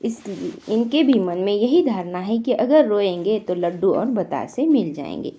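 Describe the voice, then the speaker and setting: A woman's voice: medium pitch, expressive, a little slow, dark tone, breathy edge. A woman teacher reading a textbook story aloud and explaining its words in simple terms.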